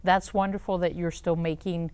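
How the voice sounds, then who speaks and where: A woman hosting a talk show, interviewing in a conversational way with hesitant, halting phrasing. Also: on the low side, level tone, a little mellow, clean tone.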